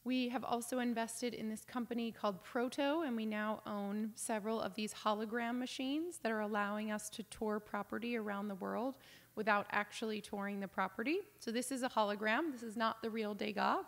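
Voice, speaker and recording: A woman's voice: fairly high pitch, steady tone, normal speed, big-room sound. A young adult woman giving an informal lecture over slides, conversational with frequent ums and enthusiastic asides, over a video call from a home office. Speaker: auction house business development director giving a lecture.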